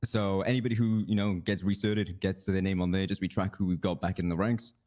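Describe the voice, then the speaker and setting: Low-pitched male, quick talker, laid-back trainer briefing colleagues in game roleplay. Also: steady tone, darkish tone. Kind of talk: in-character roleplay chat, explaining procedures.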